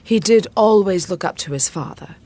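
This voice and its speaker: A woman's voice: mid-range voice, animated, normal speed, dark tone, natural voice. An actress playing an anxious, devoted middle-aged widowed queen in an audio drama, with refined, earnest and emotive delivery. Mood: anxious, regretful.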